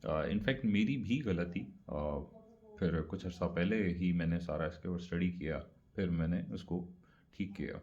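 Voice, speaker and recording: Man, low mellow voice, casual explainer, repeats points, dull lo-fi recording. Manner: conversational, repeats points, mixes English words. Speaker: speaker explaining religious practice. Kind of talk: casual religious explainer talk.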